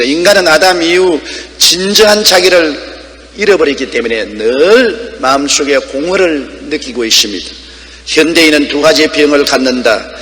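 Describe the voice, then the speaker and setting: A man's voice: fairly high pitch, pushed and bright. An older man preaching a sermon with emphatic, sweeping delivery. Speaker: pastor. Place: church sanctuary. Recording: long hall reverb.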